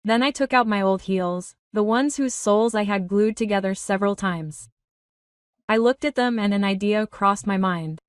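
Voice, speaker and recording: A woman's voice: medium pitch, normal speed, clear, resonant tone, dry recording. Woman narrating a story, distant dry mic. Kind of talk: scripted first-person story narration.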